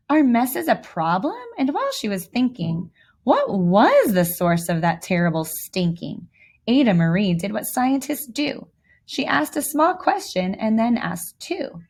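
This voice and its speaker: Her voice is husky and fairly high. She reads a children's picture book aloud expressively, adding theatrical emphasis and little asides for the young listeners.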